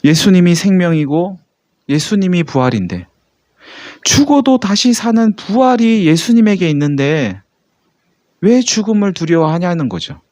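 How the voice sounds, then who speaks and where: A man's voice: sits high, lively intonation, normal speed, darkish tone, no echo. A man, a pastor, preaching a sermon in a conversational way, with many rhetorical questions to the congregation.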